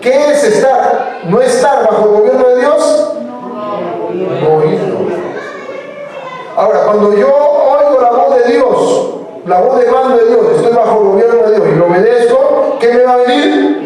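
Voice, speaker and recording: A high-voiced male pastor preaching with slow, deliberate pacing, asking questions and prompting call-and-response. His voice carries through a very echoey church hall and reaches the mic from a distance. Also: animated, a crowd in the background. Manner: asks questions and repeats phrases for emphasis. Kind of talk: sermon. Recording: roomy church sound, voice heard from off the mic.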